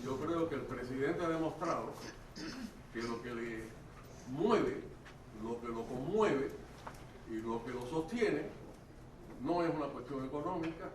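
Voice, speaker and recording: A man's voice: mid-range voice, measured pace, long pauses, noisy background. A man in the audience of a conference making an insistent, emphatic argument, heard from a distance in a hall. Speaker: audience member commenting. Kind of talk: impassioned audience comment. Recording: echoey hall from afar, crowd behind.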